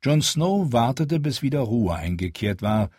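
A man reads an audiobook in unhurried, measured narration, his voice slightly husky and high for a man. It is recorded close and dry with no room sound. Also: big pitch swings, a little mellow, dry recording. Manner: measured storytelling. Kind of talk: scripted narration.

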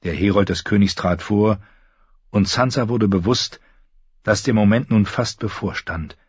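A man narrating a fantasy audiobook in a measured storytelling manner, in a slightly muffled recording. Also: on the low side, darkish tone, slightly rough, no room sound. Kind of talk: scripted narration.

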